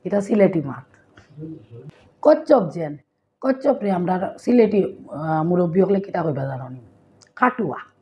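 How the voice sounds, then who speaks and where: A woman's voice: fairly low pitch, expressive, moderate pace, pauses often. A woman from Sylhet with a Sylheti accent, talking casually to her vlog viewers and often asking them questions. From Sylhet, Bangladesh. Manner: chatty, asks the viewer questions. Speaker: vlogger. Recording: slightly dull lo-fi sound.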